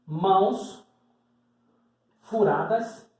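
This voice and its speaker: A man's voice: high-pitched, very slow, darkish tone. A man from Salvador, Bahia, preaching a teaching sermon, explaining symbols on a board step by step and posing rhetorical questions. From Salvador, Bahia, Brazil. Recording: echoey room.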